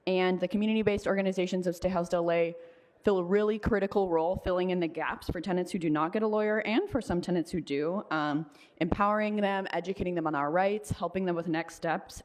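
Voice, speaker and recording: A woman's voice: on the low side, fairly even intonation, fast talker, a little mellow. A woman tenant advocate giving earnest public comment at a city council meeting, with some filler ums.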